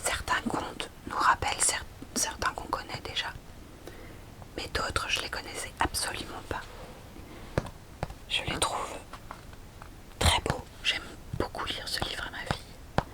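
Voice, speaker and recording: A young adult woman presenting books in a soft, unhurried library whisper, in the style of an ASMR recommendation video. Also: low-quality recording. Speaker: ASMR host recommending storybooks. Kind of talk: whispered ASMR book talk.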